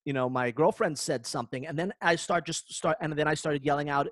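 Give me a man on a podcast with a slightly high voice and a very dry, close sound. He tells stories animatedly, stumbling and restarting as he goes. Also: a little fast, dry recording. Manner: animated storyteller, trails off and restarts. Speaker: podcast co-host. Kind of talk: casual chat.

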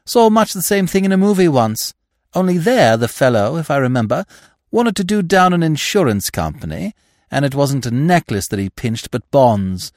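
Man voicing high-pitched excitable young swell, chatty, storybook, close dry mic. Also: moderate pace, no echo. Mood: excited. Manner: eager, chattering, high-spirited. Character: excitable, breezy young upper-class Englishman.

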